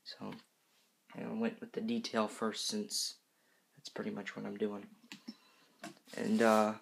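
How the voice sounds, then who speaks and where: Creaky, monotone teenage boy. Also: on the low side, takes it slowly. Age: teenager, fifteen. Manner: hesitant, rambling, self-correcting. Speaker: reviewer of horror movie masks. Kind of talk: casual, unscripted product review.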